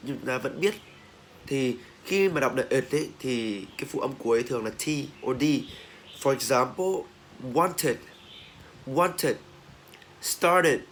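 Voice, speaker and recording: A young man with a Vietnamese accent who teaches English pronunciation, repeating each word slowly for learners to copy. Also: mid-range voice, a little hiss or hum. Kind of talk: recorded pronunciation lesson.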